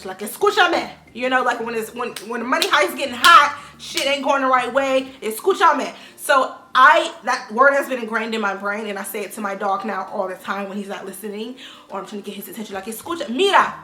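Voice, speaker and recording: Animated, slangy young woman vlogging. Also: on the high side. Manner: animated, slangy, swings between loud bursts and trailing quiet asides. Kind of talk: casual talk to camera. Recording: echoey room with faint music.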